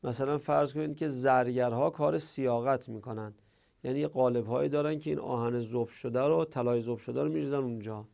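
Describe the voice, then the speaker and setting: A man's voice: mid-range voice, steady tone, gravelly, dark tone. A man teaching a grammar lesson to a class, explaining each rule step by step and answering objections he imagines his students raising.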